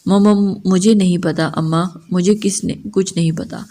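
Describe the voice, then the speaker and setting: A tearful young man in a storybook reading, his words breaking off as he swears he did nothing, read out by a woman. The voice sits low and mellow. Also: steady tone. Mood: pleading, tearful. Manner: pleading, broken sentences. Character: young man, distraught son, sobbing.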